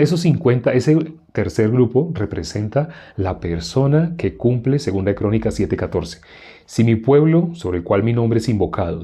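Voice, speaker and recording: A man preaching a sermon, teaching from the Bible with rhetorical questions and quoting scripture in a quieter, lower voice.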